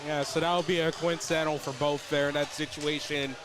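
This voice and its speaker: Male hockey analyst, high voice, conversational and colloquial commentary over background music. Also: little pitch movement, fairly quick. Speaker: color commentator. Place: live at an ice rink.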